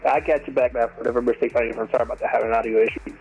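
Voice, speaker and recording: A man acting as a pilot, calling air traffic control over a radio link in clipped, measured radio phraseology. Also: mid-range voice, steady tone, slightly rough. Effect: heard over a tinny radio link. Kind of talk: radio calls in a flight simulation. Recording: tinny radio line with faint music.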